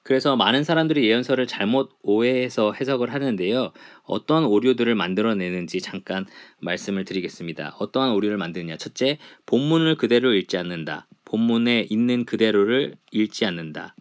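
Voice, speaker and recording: A man's voice: fairly low pitch, expressive, a little fast, few pauses. A middle-aged man lecturing a church Bible class, explaining point by point with frequent fillers. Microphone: writes on a board while teaching.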